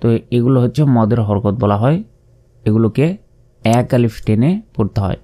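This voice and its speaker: A man's voice: on the low side, steady tone, normal speed, warm tone. A man teaching Quran reading in a step-by-step lesson, patiently explaining and repeating letters and their sounds aloud. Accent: Bangladeshi Bengali.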